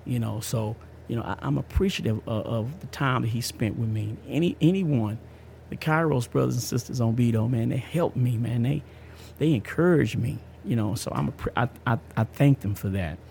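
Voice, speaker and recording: This man's mid-range voice is creaky yet a little mellow, moving at a moderate pace. In his fifties and hosting a podcast, he delivers a casual, slangy testimony with emphasis and plenty of repetition, over a faint hiss or hum.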